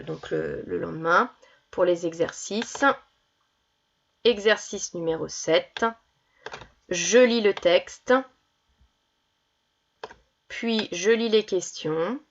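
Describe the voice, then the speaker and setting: A schoolteacher with a medium-pitched voice, recorded in lo-fi sound, walks young children through worksheet exercises. She draws out every word slowly and carefully so they can take dictation.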